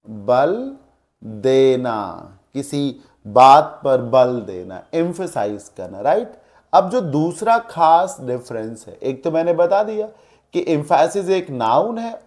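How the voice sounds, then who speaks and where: A man teaches a grammar lesson. He speaks slowly and deliberately, and his pitch rises and falls a great deal as he stresses each key word. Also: darkish tone. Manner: explains slowly in mixed Hindi and English, stressing words. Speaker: English teacher.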